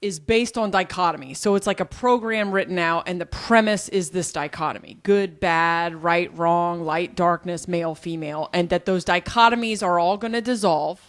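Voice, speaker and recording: Earnest woman guest explaining at length. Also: on the low side. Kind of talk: casual discussion.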